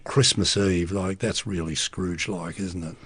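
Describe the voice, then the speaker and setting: A man's voice: sits low, fairly even intonation, moderate pace, a crowd in the background. An Australian man in his seventies, a former band member reminiscing with wry, dry humour in a radio interview. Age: 70s. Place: radio studio.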